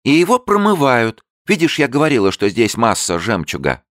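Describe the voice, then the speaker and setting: A man reading an audiobook and voicing a frightened, whiny young actress with shrill, plaintive cries. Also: huge pitch swings, normal speed, fairly bright tone, dry recording, studio quality. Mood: excited.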